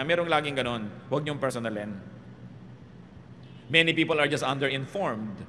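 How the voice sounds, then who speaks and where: A man with a Filipino accent delivers an animated, humorous sermon, leaning on rhetorical questions. His voice sits a little high and rings bright and forceful. It carries a long hall reverb over faint background ambience. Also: slight background noise. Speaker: pastor.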